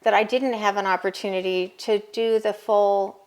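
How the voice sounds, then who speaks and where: Interview guest: woman counselor, steady mid-pitch, patient explainer. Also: normal speed. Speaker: college counselor and business owner. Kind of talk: interview answers.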